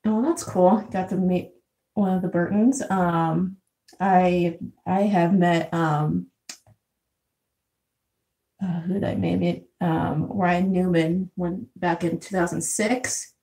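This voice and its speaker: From a house in Arizona, a twenty-something vlogger originally from San Diego, California chats casually with viewers and reads their comments in a live chat. Her fairly low, steady voice carries a warm tone, and she laughs a lot and fills pauses with "um" and "like." The recording is rough.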